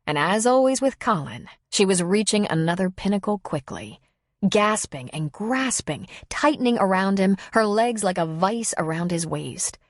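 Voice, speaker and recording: A woman narrating an audiobook in a brisk, even reading. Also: mid-range voice, no room sound, studio quality. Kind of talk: scripted narration.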